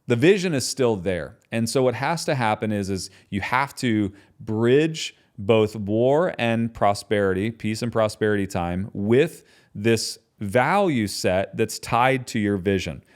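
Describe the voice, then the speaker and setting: A man hosting his own podcast, talking in a passionate, conversational way and often tagging his points with quick questions. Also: fairly low pitch, expressive. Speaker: podcast host and business founder. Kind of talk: solo podcast talk.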